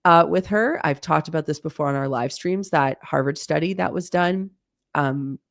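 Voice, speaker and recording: A woman's voice: low-pitched, normal speed, vocal fry, no room sound, studio quality. A woman in her forties hosting a live-stream Q&A, talking in a chatty, candid way with plenty of fillers. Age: 40s. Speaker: host.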